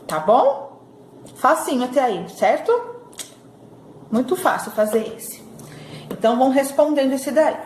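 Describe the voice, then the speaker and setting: A woman teaching a recorded lesson to young children, sounding out syllables slowly and checking in often. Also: sits high, lively intonation, a little mellow, slight background noise. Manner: slow syllable-by-syllable drilling, frequent "tá bom?" checks. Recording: echoey room with faint ambience.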